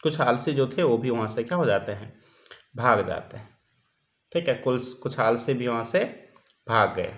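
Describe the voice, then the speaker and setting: A man's voice: mid-range voice, expressive, moderate pace, pauses often, fairly bright tone. A male teacher giving a lecture, explaining step by step, asking questions and answering them himself, and often checking in with his students. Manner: keeps checking in with the class. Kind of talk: classroom lecture explaining a text. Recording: dull lo-fi recording.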